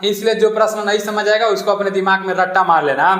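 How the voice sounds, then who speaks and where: A man's voice: high voice, fairly even intonation, fast talker, fairly bright tone, roomy sound. A man coaching exam students through a quiz, repeating each question and giving the answer. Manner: repetitive, asks each question twice and answers it.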